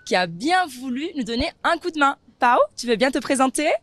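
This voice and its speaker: A woman with a slightly high, very animated voice co-hosts a casual language lesson. She is encouraging and prompts with questions, her intonation swinging widely. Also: fairly quick, no room sound. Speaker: co-host and language teacher. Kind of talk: casual teaching chat.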